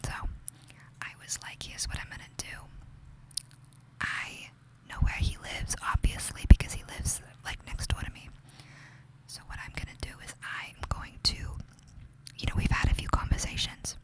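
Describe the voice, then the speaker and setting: A woman's voice: normal speed, rough recording. Whispering young New York woman, gossipy ASMR. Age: young adult. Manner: chatty, confiding, peppered with "like". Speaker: ASMR creator.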